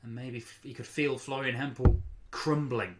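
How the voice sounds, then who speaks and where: A male darts commentator speaks at a medium pitch in live sports style. He weighs up each throw and choice analytically. The recording has loud background noise with clicks. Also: fairly even intonation, moderate pace.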